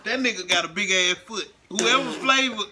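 A man co-hosting a casual challenge video at home, talking in loud, profane, joking banter. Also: high voice, moderate pace, crowd noise. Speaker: vlogger's husband, co-host. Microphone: phone.

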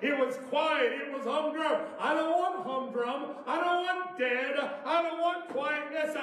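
Middle-aged pastor, high ringing voice, fiery revival preaching, heard from afar in a booming sanctuary. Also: male voice, a little slow. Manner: preaching with rising shouts and playful asides. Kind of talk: revival sermon. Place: church sanctuary, preaching from a pulpit. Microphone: far camera at the back of the sanctuary. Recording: echoey church from far off.

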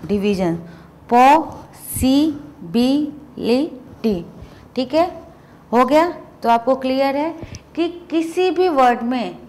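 Slow, deliberate woman teaching grammar. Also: a little high. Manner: slow, rhetorical questions answered herself, mixing English terms in. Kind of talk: explanatory classroom lesson.

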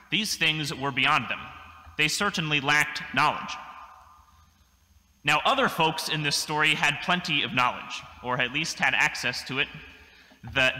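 Bright-voiced young priest preaching in a church. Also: male voice, a little high. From United States. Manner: thoughtful, measured preaching with dry asides. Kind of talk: sermon. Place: large church, at a pulpit. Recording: long church reverb.

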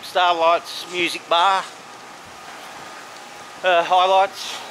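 Here an Australian man sits high in pitch with little movement and a fairly bright tone as he vlogs a walking tour, giving halting, casual commentary on the sights along a city street. The recording is rough, taken outdoors with clear traffic, street and vehicle noise behind him.

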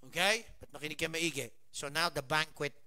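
A man preaching a sermon, mixing Tagalog and English and retelling a Bible story with animated voices for its figures. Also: a little high, normal speed. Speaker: pastor.

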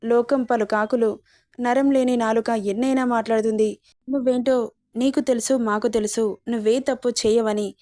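A woman's voice: fairly high pitch, fairly even intonation, normal speed, dark tone, dry recording, studio quality, lightly acted. A woman voicing a protective elderly grandmother who speaks in a soothing, consoling way in a read-aloud story.

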